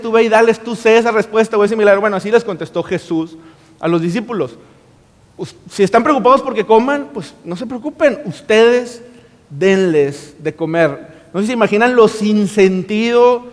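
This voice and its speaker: A man preaching a sermon as a pastor, talking conversationally and acting out dialogue with dramatic pauses. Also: sits high. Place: church hall. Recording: reverberant church hall.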